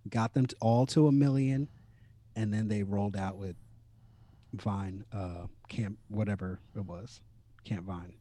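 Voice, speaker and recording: A man telling stories in a casual podcast chat, animated, swearing casually and laughing often. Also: fairly low pitch, measured pace.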